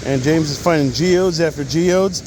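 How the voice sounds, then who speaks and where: Higher-voiced man vlogging over loud water noise. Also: low-quality recording. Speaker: amateur angler filming a fishing vlog. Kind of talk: casual outdoor vlog chat. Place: outdoors by a waterfall. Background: rushing water.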